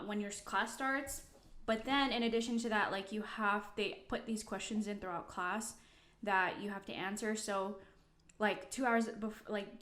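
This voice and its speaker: A young woman talks casually to camera like a student sharing updates with her viewers. Her delivery is informal and loosely rambling, with plenty of "like" thrown in. The room around her gives the voice a clear echo. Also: medium pitch, a bit bright. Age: 20s. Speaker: nursing student vlogger. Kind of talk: casual chatty vlog to camera. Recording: echoey room.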